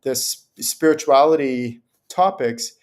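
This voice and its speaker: Man, livestream host, casual spiritual Q&A, rambling, mid-pitched voice. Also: slow. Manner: loose, rambling explanations with acted-out anecdotes. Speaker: spiritual teacher hosting a Q&A show.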